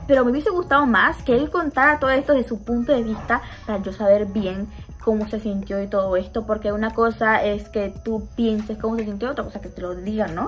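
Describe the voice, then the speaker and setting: Young woman book vlogger, excitable and chatty, kinda high voice, faint music under it. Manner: gushing, expressive, sarcastic asides. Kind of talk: casual book review vlog.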